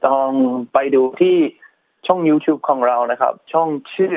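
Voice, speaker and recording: Foreign man speaking halting broken Thai, phone-like sound. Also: fairly high pitch, vocal fry. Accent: foreign, English-speaking accent in Thai. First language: English. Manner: non-native, broken learner's Thai with simple grammar and English words mixed in; halting, polite, searching for words. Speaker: interview guest, YouTuber. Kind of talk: casual interview answers. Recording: thin narrowband phone or radio line.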